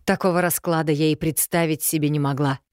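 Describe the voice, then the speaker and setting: A woman narrating a fantasy audiobook in the first person with a measured, dramatic reading. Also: low-pitched, steady tone, darkish tone, no echo, clean studio sound.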